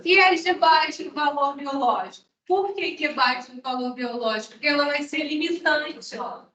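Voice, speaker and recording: A woman's voice: sits high, normal speed, fairly bright tone. Chatty woman teaching class. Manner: chatty, keeps checking in with "né?" and "tá?". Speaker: nutrition teacher. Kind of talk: classroom lecture with anecdotes. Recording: echoey room, distant mic, dull sound.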